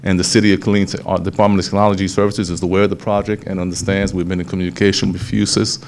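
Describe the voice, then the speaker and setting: A man, a police official explaining a program to a town hall meeting, steady and explanatory, often restarting phrases. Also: low voice, racing, slight background noise. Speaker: police official presenting to city council.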